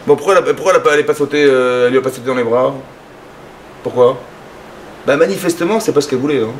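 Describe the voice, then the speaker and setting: A man giving a lively sermon as a rabbi, acting out little dialogues in his talk. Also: racing, a little hiss or hum. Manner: animated, acts out dialogues with rising pitch.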